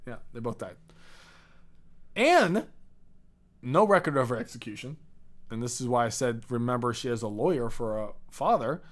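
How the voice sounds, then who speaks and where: In a casual history chat, a young man co-hosting a podcast recounts pirate history like a story, chatty and prone to frequent restarts. He sounds animated, with a medium pitch and moderate pace, and pauses often.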